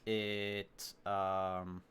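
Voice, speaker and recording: A man running a tabletop game as game master. His voice is fairly low and smooth, and he improvises his narration at a very slow, deliberate pace. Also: little pitch movement, a bit bright.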